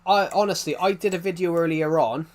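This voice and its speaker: A young game streamer talks fairly quickly in a fairly high, slightly mellow voice. He comes from outside London in the United Kingdom and has a thick regional accent. His casual live-stream chat is rambling, repetitive and full of restarts.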